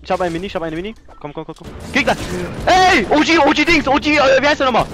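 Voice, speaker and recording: A man's voice: very high-pitched, sing-song, racing, very noisy. A young man teasing his friend while they play a video game, full of youth slang. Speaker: gaming partner. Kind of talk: excited gaming chat.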